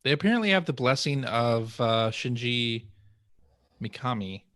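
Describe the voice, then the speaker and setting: A man's voice: mid-range voice, expressive, measured pace, fairly bright tone, no echo, clean studio sound. A man hosting a podcast, reading out news items in casual chat. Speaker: podcast host.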